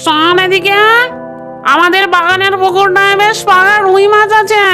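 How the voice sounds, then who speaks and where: A woman voicing a bossy, scolding queen animal in a cartoon, shrill voice. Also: steady tone, moderate pace, music in the background. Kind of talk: cartoon voice acting.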